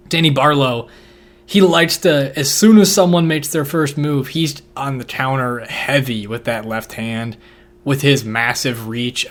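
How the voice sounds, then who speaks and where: A laid-back man talking through fight picks in casual conversation. His voice sits at an everyday middle pitch. He rambles along with slang and fillers. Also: fairly bright tone. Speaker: podcast co-host making fight picks. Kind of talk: casual chat.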